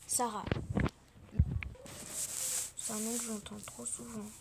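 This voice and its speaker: Soft-voiced girl chatting over gameplay. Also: fairly high pitch, huge pitch swings, slow pace, very noisy. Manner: soft, often whispering, many fillers like genre and euh. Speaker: gaming video creator. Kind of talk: casual gameplay chat.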